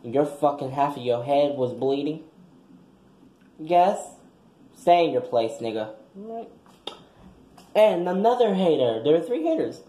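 A man's voice: a little high, animated, measured pace, pauses often, warm tone. A man voicing a brash, foul-mouthed young woman graduate giving a crude, combative speech in a comic skit. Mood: sassy. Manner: crude, combative, trash-talking. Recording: echoey room.

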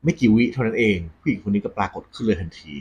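A man hosting a ghost story segment, talking conversationally and politely to his audience with a husky voice. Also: on the low side, very fast, a little mellow, slight background noise. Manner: polite, frequent Thai male polite particles.

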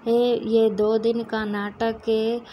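A woman reading the lines of an annoyed young man who refuses to be coaxed, in a flat retelling. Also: fairly high pitch, slow, lo-fi sound, a little hiss or hum.

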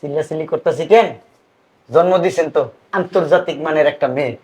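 An actor playing a greedy, bossy middle-aged father-in-law who scolds and mocks in rapid, speech. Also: a little high, a little mellow, natural voice. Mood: mocking. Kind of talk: village comedy drama.

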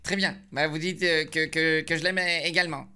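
Bright-voiced man playing it mock-polite. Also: on the high side, steady tone, normal speed. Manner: polite, mock-formal, teasing. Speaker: streamer playing a roleplay character. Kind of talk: roleplay phone calls.

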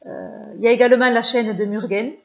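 A woman's voice: a little high, fast talker, dull audio. A French-speaking woman vlogger chatting casually about her favorite channels, with many hesitations and fillers.

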